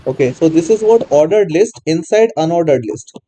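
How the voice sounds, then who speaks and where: A man's voice: fairly high pitch, lively intonation, moderate pace, dark tone, slightly rough, rough recording. A man teaching a live online coding class, repeatedly asking students to answer. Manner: prompts students repeatedly, non-native English phrasing. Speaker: programming teacher.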